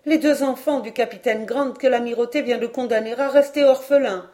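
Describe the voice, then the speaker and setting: A woman's voice: fairly high pitch, brisk, dark tone, pitched above the performer's own voice, lightly acted. A woman reading an audiobook, voicing a resolute young noblewoman in a raised, fervent, pleading voice.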